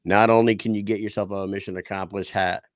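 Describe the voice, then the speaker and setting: A man's voice: lowish voice, little pitch movement, quick pace, dry recording, clean studio sound. A man hosting a casual podcast, swearing freely and hyping things up in street slang. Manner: profane, hype-man banter with street slang. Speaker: show host.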